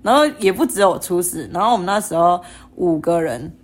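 A young woman with a Taiwanese Mandarin accent, a podcast guest telling a funny story in a lively, laughing way. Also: on the low side, fairly quick. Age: young adult. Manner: animated, laughing, acts out quoted lines. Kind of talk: casual storytelling chat.

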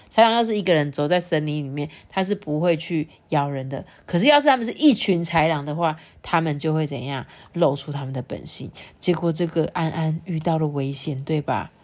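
A Taiwanese-accented woman with a fairly low voice reads a storybook to her child. Her telling is expressive, with big dramatic pitch swings, and she keeps checking in with questions. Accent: Taiwanese Mandarin. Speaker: parent reading a picture book to her child. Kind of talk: storybook reading with chatty commentary.

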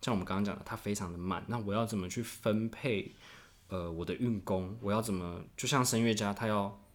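A man who plays cello talks through a piece of music, thoughtful and unhurried, with small restarts. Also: on the low side. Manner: thoughtful, explains slowly with restarts. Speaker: cellist guest. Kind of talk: casual music discussion.

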